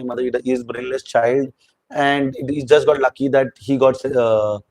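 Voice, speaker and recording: A man's voice: mid-range voice, darkish tone, no room sound, rough recording. A man giving a rambling, opinionated spoken review of a reality show, mixing in Hindi words.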